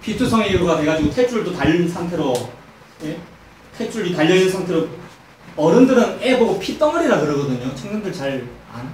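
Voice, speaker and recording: A man preaching an expository sermon as a pastor, emphatic and animated, telling stories and asking the congregation rhetorical questions. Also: high-pitched, a little fast, a little hiss or hum. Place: church sanctuary. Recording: echoey church hall, mic at a distance.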